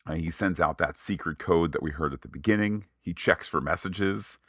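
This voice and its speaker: A man's voice: sits low, moderate pace, a bit bright, no room sound, studio quality. A man hosting a podcast, recapping an episode with playful, mock-sarcastic asides. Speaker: podcast host.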